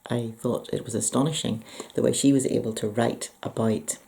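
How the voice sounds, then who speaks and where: A book and poetry vlogger from Northern Ireland chats casually with viewers about books, sounding reflective and enthusiastic. The voice is medium-pitched, steady and creaky with a dark tone, delivered at a moderate pace.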